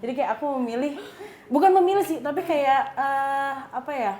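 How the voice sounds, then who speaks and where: A woman in her thirties with an Indonesian accent, a panel guest talking in a chatty, animated way with many fillers. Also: high voice, moderate pace. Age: 30s. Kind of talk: casual chat. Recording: roomy echo.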